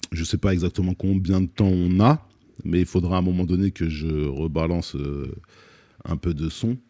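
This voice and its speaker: A man in his thirties with a very low, dark voice, talking loosely with many pauses and "euh" fillers. He answers a live stream's questions in a relaxed, joking way. The sound is dry and close, with no room echo. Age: 30s. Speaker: rapper guest on a live music stream. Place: studio set.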